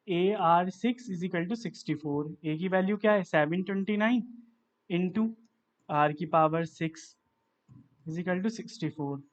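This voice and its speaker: A man's voice: high voice, muffled recording. A man teaching a maths lesson, working through sums aloud step by step and asking himself each next step.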